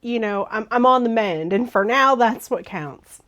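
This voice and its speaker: A woman hosting a knitting vlog in a chatty, rambling way, her voice hoarse and froggy. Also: a little high, lively intonation, slow, fairly bright tone, dull audio. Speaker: knitting vlogger. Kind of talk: casual vlog chat.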